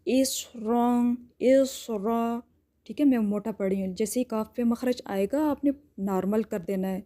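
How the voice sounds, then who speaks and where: A woman teaching Quran recitation rules. She explains each rule patiently and step by step, often checks in with "theek hai?", and stretches out words slowly to demonstrate. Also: mid-range voice, mellow. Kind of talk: tajweed lesson with slow drawn-out demonstrations.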